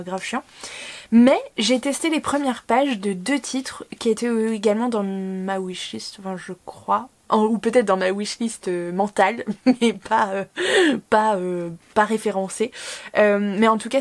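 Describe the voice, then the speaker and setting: Woman vlogging about her books, rambly, lots of ums and restarts, chatting at home. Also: mid-range voice. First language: French. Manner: rambling, many fillers and self-corrections. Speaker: book vlogger. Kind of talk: casual chat.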